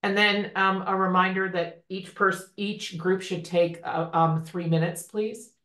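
A woman's voice: lowish voice, little pitch movement, unhurried, a bit bright. Woman organizer in an echoey room. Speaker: meeting co-organizer. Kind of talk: running an online meeting. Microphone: video call. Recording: roomy echo on call audio.

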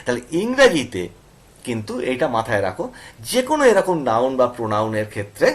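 A man's voice: mid-range voice, wildly swooping pitch, brisk. A male teacher with a Bengali accent, explaining grammar to students and often checking they follow with questions. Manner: asks students questions and repeats points.

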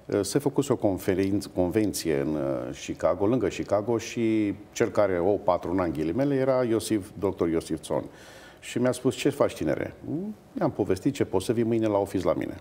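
Low-voiced man telling lively stories. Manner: animated anecdotes with hesitations. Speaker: guest, opera bass-baritone. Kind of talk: storytelling in a TV interview.

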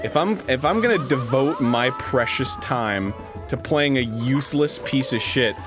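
A man's voice: mid-range voice, a little slow, music in the background. A man playing a video game on a let's play, chatting casually, joking and swearing freely. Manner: swears casually, animated, jokey. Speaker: co-host, player.

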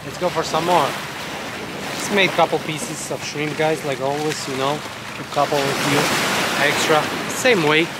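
This casual outdoor fishing vlog features a chatty middle-aged man on a rocky seaside jetty who calls his viewers "guys" and gets worked up when fish bite. His voice is a little high at normal speed. A chest-mounted action camera near the surf picks up loud wave and wind noise.

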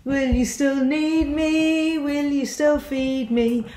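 Fifty yr old lady goofing around singing at home, high slow voice, echoey kitchen. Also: steady tone, music in the background. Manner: jokey, breaks into song with asides. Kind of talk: playful singing and chat on a video call.

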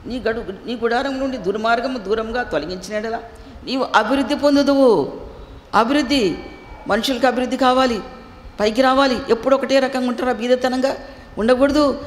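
A woman preacher delivering an emphatic sermon with a Telugu accent, repeating phrases and asking the listeners rhetorical questions. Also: on the high side. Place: church hall. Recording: echoey hall with faint noise.

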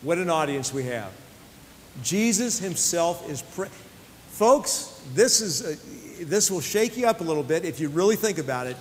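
A man's voice: lively intonation, moderate pace. A man giving a faith-based motivational talk to athletes, telling personal stories earnestly and often restarting his phrases. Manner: earnest storyteller with frequent restarts and fillers. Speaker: speaker addressing athletes. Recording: long hall reverb with faint low rumble.

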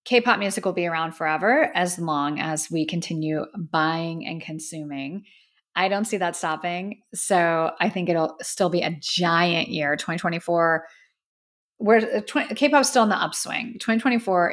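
In a plain indoor studio, an American woman in her thirties hosts a solo podcast, sharing her opinions earnestly and emphatically in a conversational style. A native English speaker, she talks at a moderate pace with a fairly low pitch.

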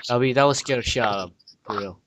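A man's voice: mid-range voice, quick pace, background noise. A young man joking and teasing his friends in a casual group call. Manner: joking, teasing, interjects often. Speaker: commentary co-host.

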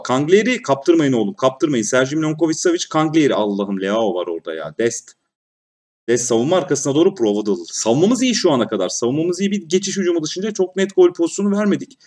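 Excitable man calling his football sim. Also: mid-range voice, fairly quick, recorded from a distance. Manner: excitable, shouts at goals, grumbles at mistakes. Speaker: gaming YouTuber. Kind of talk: football manager let's play commentary.

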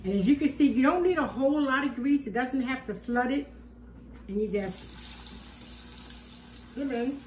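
This older woman's voice is high and animated, at normal speed but with frequent pauses, and there's a little hiss or hum. She hosts a homey cooking video, guiding viewers through each step in her kitchen. A distant camera on the counter gives the casual demo a roomy, faraway kitchen sound.

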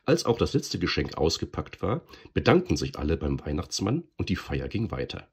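A man giving a lively, expressive reading of a storybook. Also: rumbling low, normal speed, slightly rough.

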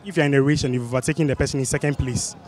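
Under a city flyover in a busy outdoor spot, a young adult man with a Ghanaian West African accent quizzes passersby as a street interviewer, holding a handheld microphone. His medium-pitched, darkish voice is steady in tone but races along, with soft music in the background.

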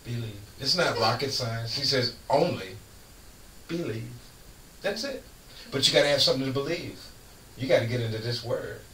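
Recorded off-mic in a roomy radio studio with faint hiss, this middle-aged host delivers casual faith talk. His medium-pitched voice is brisk, pushed and bright, and his manner is folksy, emphatic and preachy, with frequent laughter.

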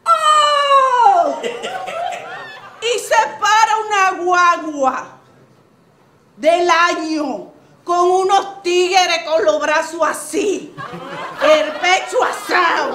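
A shrill brash Dominican hustler. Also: female voice, animated, very slow, pauses often, exaggerated voice. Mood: boisterous. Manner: shouts "oh!" between lines, laughing while telling the story. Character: brash streetwise woman, loud, shameless bus-dodging hustler. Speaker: comic character. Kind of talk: stand-up comic monologue. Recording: echoey studio with background noise.

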